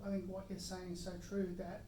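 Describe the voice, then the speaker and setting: A woman's voice: fairly low pitch, little pitch movement, fairly quick, mellow, slight background noise. An Australian woman hosting a podcast, upbeat and a bit hesitant, with many fillers as she chats. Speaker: podcast host. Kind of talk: casual conversation. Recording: echoey room, mic at a distance.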